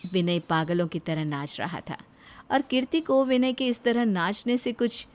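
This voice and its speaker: A woman's voice: medium pitch, a little slow, darkish tone. Woman narrating a moral story.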